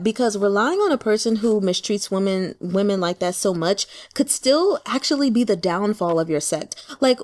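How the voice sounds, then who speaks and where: Here a woman hosts a channel and comments on books in a lively, relaxed way. Speaking in a mid-range voice, she stays wry and colloquial, frequently turning to speak to the characters themselves.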